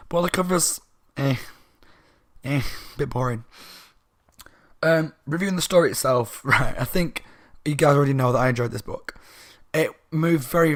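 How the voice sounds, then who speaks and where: Tipsy man rambling a book review. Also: mid-range voice. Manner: rambling, tipsy, self-correcting.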